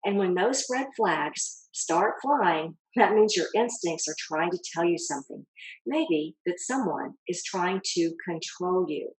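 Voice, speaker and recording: A woman speaks as a self-help coach, talking straight to the listener in a calm, measured way. Her voice sits a little low and carries a husky, breathy grain. She leans on rhetorical questions to guide her audience. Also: low-quality recording. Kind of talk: motivational talk to camera.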